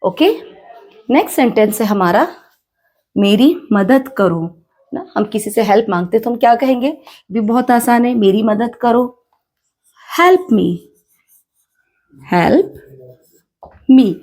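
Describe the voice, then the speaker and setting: A woman with an Indian accent teaching a spoken English lesson, slowly repeating each phrase and quizzing the learners. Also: a little high, mellow. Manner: slow, repeats each phrase, asks the class questions.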